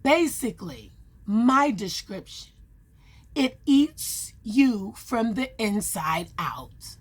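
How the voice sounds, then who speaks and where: Very slow-speaking, earnest woman vlogger. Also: a little high, big pitch swings, husky. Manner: earnest, emphatic, with long pauses between phrases. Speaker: vlogger sharing her experience. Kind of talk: personal advice monologue.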